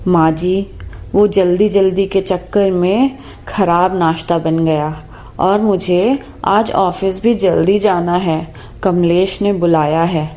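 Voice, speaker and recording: A woman's voice: fairly low pitch, steady tone, slow, mellow. A woman voicing an upset young working wife in a cartoon story, speaking in a troubled, pleading way.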